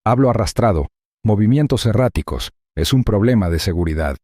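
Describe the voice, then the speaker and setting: A man doing a sharp, accusing flight attendant. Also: fairly low pitch, animated, brisk, no echo, studio quality. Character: pushy arrogant male flight attendant.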